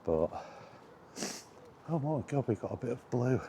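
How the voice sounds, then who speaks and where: He has a warm, mid-range, sing-song voice and takes his time as he walks along a windy path, vlogging to the camera. The talk is rambling and self-deprecating with a bit of exasperated cursing, and the camera audio picks up wind and outdoor noise.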